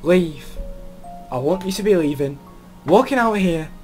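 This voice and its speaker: A man's voice: high voice, expressive, moderate pace, a little mellow, faint music behind, voice pushed up. A man doing a curt, hostile young woman. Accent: American. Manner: cold, clipped commands. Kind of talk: voicing a visual novel.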